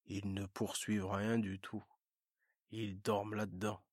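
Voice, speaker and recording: A weary switchman answers plainly in a bedtime storybook reading, voiced by a man. His tone is fairly low and unhurried, dry and close to the mic. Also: no room sound. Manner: calm, plain, explanatory. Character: matter-of-fact railway switchman, weary.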